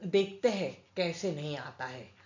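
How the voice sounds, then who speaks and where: An angry village mother scolds her hiding son in a sharp, slow voice, as a woman narrator puts her on. Her tone stays low and the sound is a little dull. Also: echoey room. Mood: scolding.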